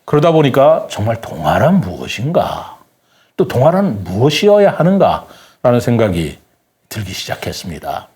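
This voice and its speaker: As a guest writer on a reflective talk show, a man tells stories and explains things earnestly, using polite, formal speech. He talks at normal speed in a mid-range, slightly mellow voice with huge pitch swings.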